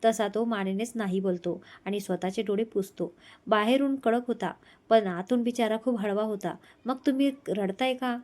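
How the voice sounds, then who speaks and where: A woman storyteller narrating a romantic story in a steady, expressive reading. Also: mid-range voice, normal speed.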